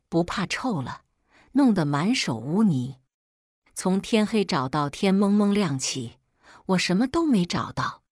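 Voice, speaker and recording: A woman narrates a first-person drama story with emotional, expressive delivery. Her voice sits on the low side and moves widely in pitch. The recording is dry and close, with no room sound. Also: no echo. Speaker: audiobook narrator.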